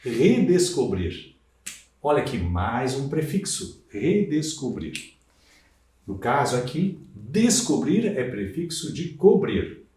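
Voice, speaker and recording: A Brazilian man lectures with a lively, wide-ranging pitch, drawing out key words slowly and checking in with "né?" as he teaches. His voice sounds roomy and a little distant from the mic. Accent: Brazilian Portuguese. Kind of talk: recorded lecture.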